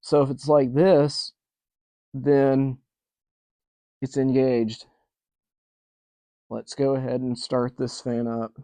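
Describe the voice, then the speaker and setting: In a warm, smooth, medium-pitched voice, this channel host demonstrates an old fan for his vintage fan collecting videos. He speaks slowly and flatly, pausing often, drifting into rambling asides and restarts, and the recording has no echo.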